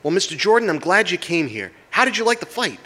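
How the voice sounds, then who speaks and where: A man's voice: high-pitched, fast talker, in a large hall, background noise. An actor playing a brash, good-hearted young male boxer in a 1940s radio drama. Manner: brash, energetic.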